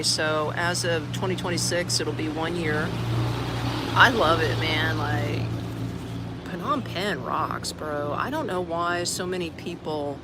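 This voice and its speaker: An expat from Orlando, Florida, in the United States, chats casually on a live stream from an outdoor garden café, rambling and dropping plenty of "like" and "man." His voice sits at a medium pitch, and traffic noise and outdoor ambience come through the recording.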